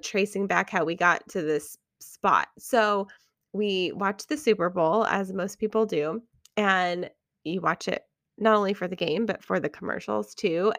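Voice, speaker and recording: A woman in her thirties or forties hosts a casual podcast, rambling warmly through recommendations with frequent restarts. Her voice has a gravelly, fried texture. The sound is dry and close to the mic. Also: mid-range voice, dry recording. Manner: chatty, many fillers and restarts. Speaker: podcast host.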